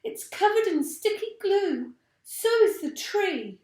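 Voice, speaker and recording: A woman voicing an anxious monkey from a children's storybook, shouting urgently. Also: very high voice, big pitch swings, takes it slowly, roomy sound, recorded from a distance, voice pushed up, full character voice. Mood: urgent warning.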